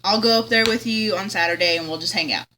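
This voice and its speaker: A woman's voice: mid-range voice, fast talker, very noisy. A young woman, casually telling a spooky story on the radio, chatty and giggly, acting out the voices she quotes. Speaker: caller telling a ghost story.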